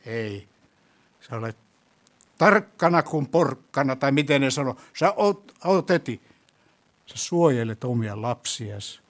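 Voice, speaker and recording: A man preaching a sermon in a church, asking the congregation questions and rising to loud, emphatic peaks before closing in prayer. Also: medium pitch, lively intonation, long pauses.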